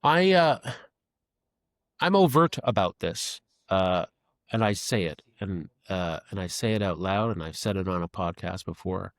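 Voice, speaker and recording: Man, 50, podcast guest; low-pitched, dry sound, earnest reflective delivery. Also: animated, unhurried, no echo. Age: 50s. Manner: earnest, reflective, repeats phrases while thinking. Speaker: podcast guest, creative executive. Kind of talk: casual reflective interview talk.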